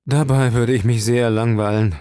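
A man's voice: mid-range voice, fairly even intonation, normal speed, warm tone, dry recording, clean studio sound, natural voice. A man reading an audiobook voices an impatient former soldier turned police captain who speaks in a clipped way. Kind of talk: audiobook character voice.

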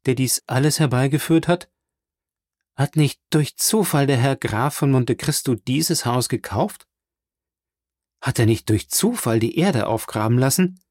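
A man reading a frightened, grieving noblewoman in an audiobook, pleading and rising in pitch. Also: darkish tone, dry recording, studio quality. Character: anguished middle-aged noblewoman, frightened and grieving.

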